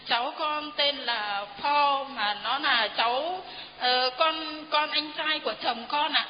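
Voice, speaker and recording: A woman's voice: high voice, slow, a little hiss or hum. A middle-aged woman giving an earnest, deferential testimony to a priest in a church hall. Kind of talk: heartfelt spoken testimony. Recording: dull reverberant hall recording.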